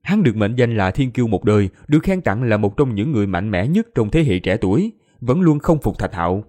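A man narrating a fantasy audiobook in an expressive storytelling manner. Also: lowish voice, brisk. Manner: expressive storytelling, voices all characters.

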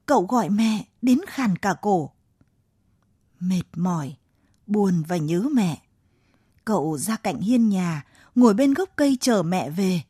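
Woman narrating a children's tale, slow and dramatic, warm husky tone. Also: mid-range voice, animated, dry recording. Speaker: storyteller. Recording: dry close mic, faint music behind.

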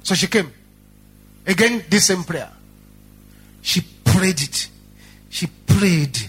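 Nigerian pastor, sermon storytelling, high and bright, repeats his lines. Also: slow, breathy edge. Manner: animated storytelling with repetition.

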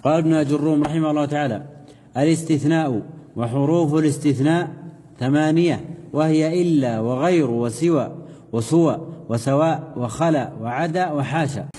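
A man's voice: on the high side, warm tone. Man teaching grammar in a reverberant hall. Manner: asks the class questions and answers them himself; reads source text aloud then explains slowly. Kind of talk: classroom lesson explaining Arabic grammar.

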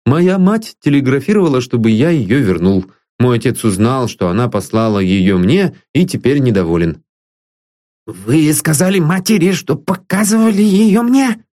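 A man's voice: medium pitch, expressive, normal speed, mellow, pitched above the performer's own voice, lightly acted. A man voicing an earnest good-natured young man.

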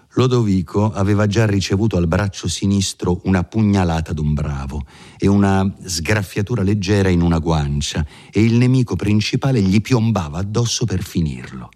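A man reading a classic novel aloud in a measured, expressive way. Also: deep voice. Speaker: audiobook reader. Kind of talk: scripted literary reading.

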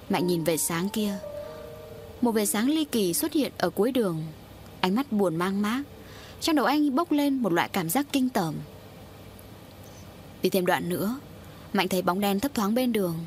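A woman reads a scripted horror story aloud in a steady, grave storytelling manner. Her voice sits at a middle pitch, with a faint noise floor behind it. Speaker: audiobook narrator.

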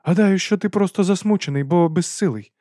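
A man voicing a kindly but flustered upper-class lady in an audiobook, talking in quick exclamations. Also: high voice, mellow, no room sound, clean studio sound, voice pushed up. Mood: hearty, concerned. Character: hearty, fussy upper-class aristocratic lady, middle-aged. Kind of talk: audiobook character voice.

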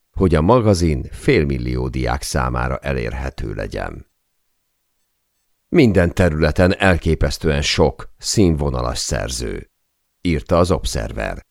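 A man reading a memoir aloud as an audiobook narrator, in steady storytelling delivery. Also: rumbling low, gravelly, no room sound, studio quality. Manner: steady storytelling read, lightly voicing quoted speech.

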